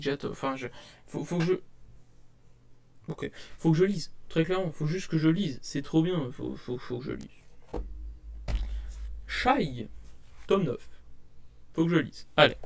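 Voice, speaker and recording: Rambling young man, fairly high voice. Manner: rambling, hesitant, many fillers and restarts; self-described shy. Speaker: manga collector showing purchases. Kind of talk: casual haul vlog to camera. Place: at home at a desk. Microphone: desk webcam.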